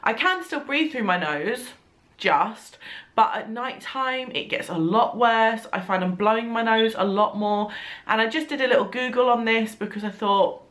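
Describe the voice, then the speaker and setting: Congested and sounding blocked and nasal, a young woman vlogger chats casually to her compact camera, rambling and laughing now and then. Her voice is a little high and fairly bright at a moderate pace.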